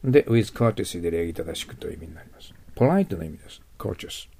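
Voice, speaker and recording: A man teaching English vocabulary in a recorded lesson, explaining patiently and repeating example words slowly. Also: low-pitched, expressive, dark tone, husky. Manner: adds ね as a tag.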